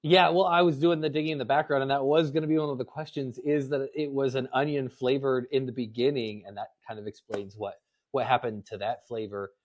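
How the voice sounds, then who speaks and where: A man's voice: mid-range voice, steady tone, fairly quick. Stammering male podcast host. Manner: stammering, repeats words. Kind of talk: casual interview chat.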